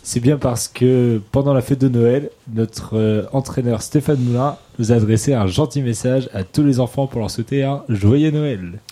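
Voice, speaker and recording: A man co-hosting a casual radio show, friendly and quick to set the facts straight. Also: medium pitch, dark tone. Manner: friendly, quick to correct details. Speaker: radio co-host.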